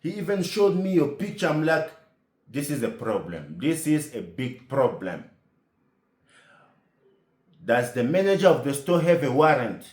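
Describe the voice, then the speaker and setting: Man, comic storyteller, lively indignant delivery, echoey room, loads of rhetorical questions. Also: on the high side, a little slow, pauses often.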